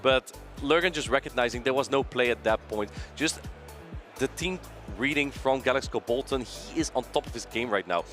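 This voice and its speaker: A man doing live tournament commentary, talking quickly and excitably and repeating himself as he thinks. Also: medium pitch, faint music behind. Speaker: esports commentator.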